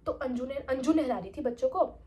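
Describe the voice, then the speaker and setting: A young woman chatting casually as a vlogger, telling an animated storytime tale. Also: high voice, fairly quick. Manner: animated, slips into quoted voices.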